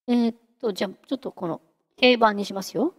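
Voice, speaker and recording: A woman hosting a casual software tutorial, chatty and giggly, talking her way through a live demo. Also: a little high, quick pace, in a large hall. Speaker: VTuber host teaching singing-synth software.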